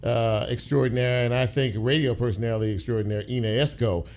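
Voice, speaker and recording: A man's voice: mid-range voice, fairly even intonation, fairly quick, darkish tone. A middle-aged man hosting a radio show in a studio, talking casually and rambling with repeated words.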